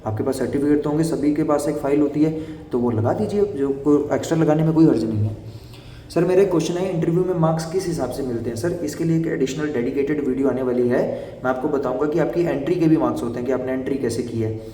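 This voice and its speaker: A young man giving fast, direct advice to job interview candidates in an instructive explainer style. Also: medium pitch, dark tone, slight background noise. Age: young adult. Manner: brisk and instructive, addresses viewers directly. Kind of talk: explainer video talk. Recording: echoey room, voice from far off the mic.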